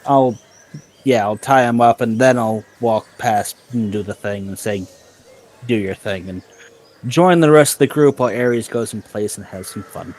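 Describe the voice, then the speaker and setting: Guy at a d&d table over voice chat, lower voice, casual. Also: moderate pace, a little mellow. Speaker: player. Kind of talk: playing a tabletop game.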